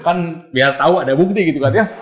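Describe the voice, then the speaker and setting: A man with a Sundanese accent, telling a lively story in an interview, laughing often and acting out the voices of the people he quotes. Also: on the high side, fairly quick, reverberant, background noise. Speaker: supporter leader telling a story.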